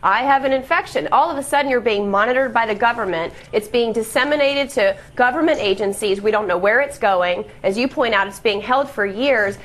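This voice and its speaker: A woman speaking as a defense attorney on a television legal panel. Her voice sits a little high, and she argues in an earnest, insistent way. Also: a little fast, few pauses, fairly bright tone. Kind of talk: news panel commentary.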